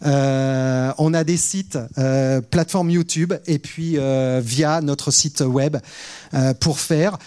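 A man presenting at a conference, his voice sitting slightly high for a man. He runs through long lists of features quickly, filling gaps with hesitant "euh" sounds. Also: fairly even intonation, warm tone. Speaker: product presenter.

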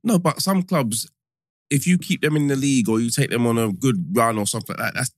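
A man's voice: medium pitch, brisk, no room sound, studio quality. A man co-hosting a football podcast, building his case step by step in a casual debate. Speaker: podcast co-host.

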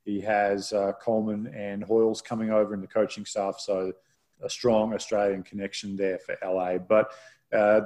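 A man hosting a casual news roundup, relaxed and rambling, with frequent restarts and fillers. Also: fairly low pitch, normal speed. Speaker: podcast host.

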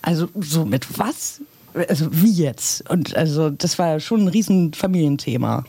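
A woman co-hosting a radio show, lively and chatty, laughing easily. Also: low voice, moderate pace, husky, no echo. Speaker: radio co-host. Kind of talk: casual radio chat.

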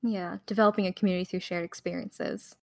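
A woman's voice: lowish voice, very animated, quick pace, vocal fry, no echo, clean studio sound. A young adult woman hosting a podcast, asking questions and offering short acknowledgments. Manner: warm prompts, short acknowledgments. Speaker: podcast host. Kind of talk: casual interview.

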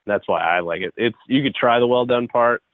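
A man in his twenties from the Chicago area, a baseball pitcher guesting on an interview, talking loosely and rambling with lots of filler "like.". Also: brisk, no echo. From Chicago area, United States. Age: 20s. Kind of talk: casual interview chat. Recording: tinny phone-like line.

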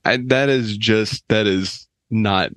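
Wry male podcast co-host, low-ish pitch, dry studio recording. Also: takes it slowly, a bit bright, dry recording. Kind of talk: comedic casual chat.

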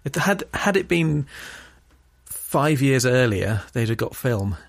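A man from England co-hosting a casual podcast chat, wry and quick to laugh. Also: mid-range voice, sing-song, vocal fry, no room sound, clean studio sound. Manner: wry, chatty, laughs often. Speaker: podcast co-host.

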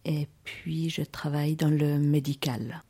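A woman's voice: sits low, level tone, warm tone, husky. A woman, hesitantly recounting her personal story in an interview. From Lausanne region, Switzerland. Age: 40s. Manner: hesitant, reflective, many pauses and fillers.

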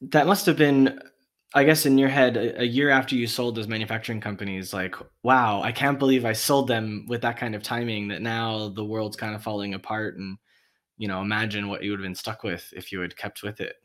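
A man's voice: on the low side, steady tone, fairly quick, fairly bright tone. A man hosting a podcast, introducing his guest and asking friendly, conversational questions. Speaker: podcast host. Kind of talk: podcast interview.

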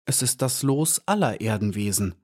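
A man reading an audiobook and voicing a wise male flower elf who speaks calmly and earnestly. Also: on the low side, normal speed, slightly rough. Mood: serene. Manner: calm and earnest.

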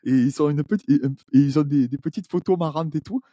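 A man, a YouTuber guest on a podcast, telling stories in an animated, chatty way with many restarts. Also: a little high, a little fast, dry recording. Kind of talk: casual podcast chat.

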